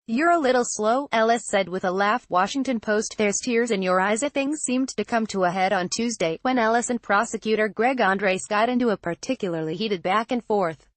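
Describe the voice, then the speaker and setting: A woman reads a news roundup aloud in an even, steady scripted delivery. Her voice sits at a mid pitch for a woman. The recording is dry and close, with no room sound. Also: moderate pace, few pauses, no room sound. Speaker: news narrator.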